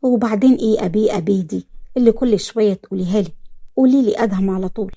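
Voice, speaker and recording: A woman's voice: mid-range voice, racing, mellow, close to an everyday voice. A woman with an Egyptian accent voicing a stern young businessman who gives curt orders. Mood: bossy. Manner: commanding, curt. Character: stern young businessman, bossy guardian cousin.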